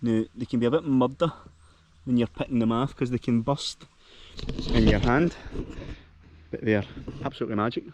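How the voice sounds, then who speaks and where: A man's voice: medium pitch, normal speed, long pauses, noisy background. A man with a Scottish accent, chatting casually and enthusiastically as a travel vlogger while walking around a lodge and lochside. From Scotland. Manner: chatty and enthusiastic, heavy on local slang.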